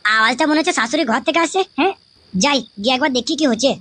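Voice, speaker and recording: A woman's voice: sits high, fairly bright tone, no echo. Woman playing a grumbling young son-in-law. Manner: grumbling, rapid, swearing. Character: hot-tempered young son-in-law, man. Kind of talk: comic village skit.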